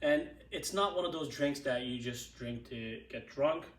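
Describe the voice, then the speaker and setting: A man from Turkey with a Turkish accent, explaining things in relaxed casual chat. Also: mid-range voice, reverberant, far from the mic. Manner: relaxed, explaining, halting restarts. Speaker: guest.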